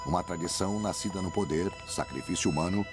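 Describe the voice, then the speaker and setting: A man's voice: sits low, fast. A man with a Brazilian accent reads scripted documentary narration in a grave, dramatic, epic storytelling manner. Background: prominent music.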